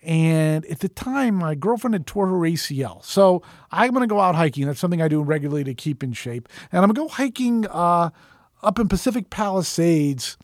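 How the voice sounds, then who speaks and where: A man with a fairly high voice for his sex rambles through a story on his podcast. He talks in a loose, animated way, swears without a second thought and acts out his own thoughts as he goes. The recording is dry and close, with no room sound. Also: brisk, no echo. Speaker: podcast host. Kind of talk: casual storytelling monologue.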